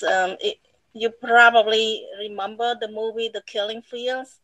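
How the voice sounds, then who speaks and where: A woman in her sixties from Cambodia, a guest author speaking slowly and reflectively in a casual panel chat. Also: medium pitch, fairly bright tone, dry recording, poor audio. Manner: slow and reflective.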